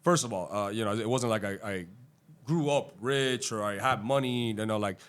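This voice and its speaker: As a podcast guest, a Cuban day trader rambles casually about his career, cursing freely and speaking quickly with lots of fillers. His voice is on the low side with a fairly bright tone.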